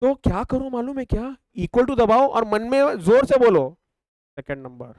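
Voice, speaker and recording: A man's voice: extremely high pitch, moderate pace, darkish tone, dry recording. A young man with an Indian accent teaching a math lesson, mixing Hindi and English and asking his class questions that he answers himself. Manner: talks over calculator steps, counting terms aloud. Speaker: math tutor.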